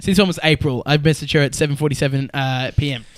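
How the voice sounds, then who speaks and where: A man's voice: on the high side, fast. A man co-hosting a comedy podcast, joking in a cocky, mock-flirty way. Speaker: podcast co-host. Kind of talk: casual comedic podcast chat.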